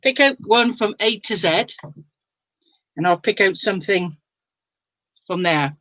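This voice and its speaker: A woman's voice: mid-range voice, animated, a little slow, fairly bright tone, no room sound. An older woman talks unhurriedly to her live-stream viewers from home, sleepy and prone to yawning. She laughs a lot between lines and reads comments aloud. The sound is dry and a little muffled, like a cheap home microphone. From England. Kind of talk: casual live-stream chat.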